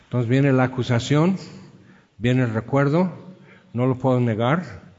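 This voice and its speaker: A man's voice: mid-range voice, unhurried, a little mellow, in a large hall, dull audio. A man preaching a sermon, telling stories and acting out the quotes in them. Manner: storytelling with acted-out quotes. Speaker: pastor.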